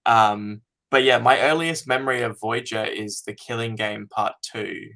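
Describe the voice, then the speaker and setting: A man's voice: mid-range voice, fairly even intonation, a little slow, gravelly, sharp tone. A man, a fan filmmaker being interviewed, talking casually and thoughtfully with many ums.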